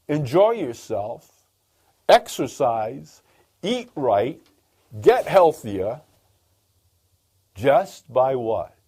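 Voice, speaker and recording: A man's voice: on the high side, dark tone. A man hosting a call-in business radio show, talking emphatically and piling up repeated phrases. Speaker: radio talk show host.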